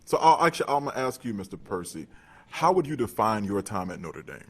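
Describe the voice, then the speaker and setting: A young man with a low, husky voice and lively intonation, interviewing older guests politely. He addresses them respectfully and shows plenty of interest in what they say. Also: fast talker. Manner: polite, warm laughter, deferential. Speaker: student talk show host.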